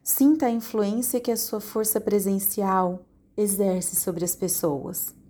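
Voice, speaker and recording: A woman leading a guided hypnosis meditation in a slow, soothing, calmly directive way. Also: medium pitch.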